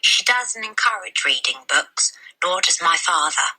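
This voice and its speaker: Female reader as little girl, storybook, bookish, earnest, breathy, lively pitch. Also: measured pace, exaggerated voice, rough recording. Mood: quietly sad. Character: tiny bookish young girl, earnest and quietly sad. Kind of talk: children's storybook read-aloud.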